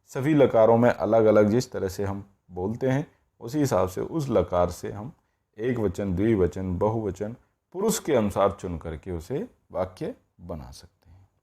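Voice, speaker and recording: A man's voice: lowish voice, expressive, warm tone. A man teaching Sanskrit grammar in a patient, repetitive classroom style, checking in often as he goes. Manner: patient, repeats each form slowly, often says "all right".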